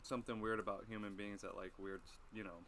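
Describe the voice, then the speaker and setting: A man's voice: fairly low pitch, flat delivery, fast, a bit bright, a little hiss or hum. A young man in casual chat, laid-back and a little nervous, with dry jokes. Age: young adult. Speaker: vlogger's partner. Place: outdoors in sunlight.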